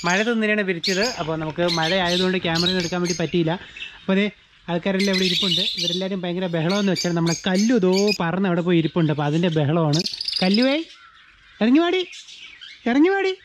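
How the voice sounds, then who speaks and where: A man from Kerala chatting casually as he shows off his backyard aviary outdoors, talking to his birds and helpers while his throat is sore from talking loudly. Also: high-pitched, steady tone, very fast. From Kerala, India. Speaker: aviary vlogger. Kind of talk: casual vlog narration. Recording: loud rain noise outdoors. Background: rain and birds.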